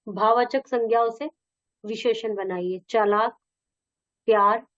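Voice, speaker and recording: A woman's voice: on the high side, fairly even intonation, unhurried, no echo. A woman teacher reading a textbook lesson and its exercises aloud in a plain manner, in a dull, dry recording. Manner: plain read-aloud delivery.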